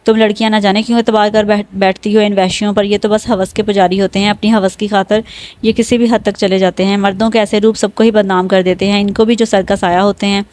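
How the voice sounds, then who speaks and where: A woman's voice: medium pitch, little pitch movement, a little mellow, lightly acted. A woman playing a scolding nurse. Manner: scolding, moralizing.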